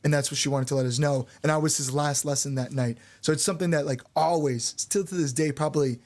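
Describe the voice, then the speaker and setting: A man's voice: on the high side, steady tone, quick pace, darkish tone. Casual, swearing young male frontman. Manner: loose and candid, swears freely, lots of "like". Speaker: band frontman and podcast co-host. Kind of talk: casual storytelling on a podcast.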